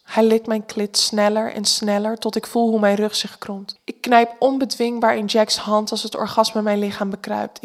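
A woman with a Dutch accent giving calm, intimate first-person story narration. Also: medium pitch.

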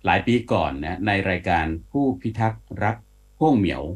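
A male radio host introducing a guest in a relaxed, chatty studio interview. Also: low voice, moderate pace, husky. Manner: informal and chatty, with frequent polite particles.

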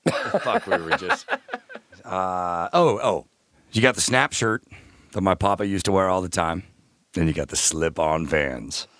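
A low-voiced man hosts a relaxed chat, joking freely and swearing now and then. He is from California, and his voice is recorded dry and close with no room around it. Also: measured pace, pauses often, no room sound. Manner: loose, joking and profane. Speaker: podcast host. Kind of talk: casual interview chat.

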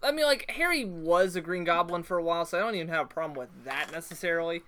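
A man's voice: fairly high pitch, fast talker, a bit bright, slight background noise. A young man in casual movie chat, rambling off on tangents and laughing often.

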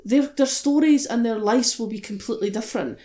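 A woman's voice: a little high, fairly quick, warm tone. A woman hosting a podcast discussion, speaking emphatically and passionately, with plenty of swearing. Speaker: podcast host. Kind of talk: impassioned opinionated podcast discussion.

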